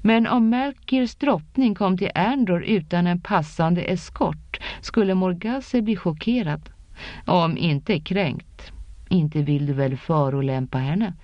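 A gentle, steady warrior husband who coaxes and reassures rather than commands, as a woman reads him aloud. his talk is low and unhurried, and the recording sounds a bit dull and lo-fi. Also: no room sound, lightly acted. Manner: calm, affectionate, coaxing. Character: tender, patient warrior king and husband, a grown man.

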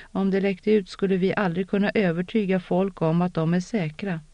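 A narrator voicing a calm, stern older woman mentor who speaks low and measured, in an audiobook reading on a dull, lo-fi recording. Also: no room sound, close to an everyday voice. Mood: hushed.

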